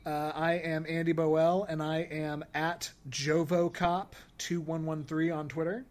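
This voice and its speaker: Halting man hosting a podcast. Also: on the high side, level tone. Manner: halting, filler-heavy, laughing. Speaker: podcast host. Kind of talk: casual podcast chat.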